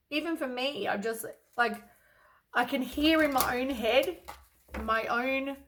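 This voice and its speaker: A woman's voice: a little high, fairly bright tone. A woman doing a casual tarot reading to camera, blunt and exasperated, with lots of sighs and casual swearing. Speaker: tarot reader.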